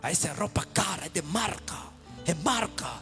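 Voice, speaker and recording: A man preaching a testimony sermon, swinging from loud shouted praise to hushed whispers. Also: high-pitched, expressive, normal speed, over music.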